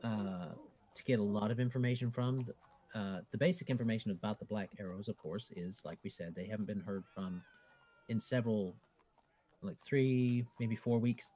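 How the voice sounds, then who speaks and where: A man's voice: lowish voice, moderate pace, mellow. A man casually narrating a tabletop game as the game master.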